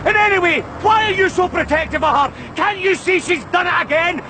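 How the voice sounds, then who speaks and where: An actor playing a resentful adult brother in a soap opera, bitter and accusing, raising his voice to shouts. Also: very high-pitched, lively intonation, a little fast, background noise.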